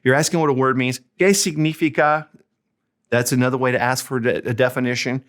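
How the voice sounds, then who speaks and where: A man's voice: mid-range voice, level tone. Casual man teaching Spanish. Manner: casual teaching, frequent "okay?" check-ins; speaks Spanish example phrases slowly and clearly. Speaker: Spanish tutor. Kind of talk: explaining Spanish grammar to learners.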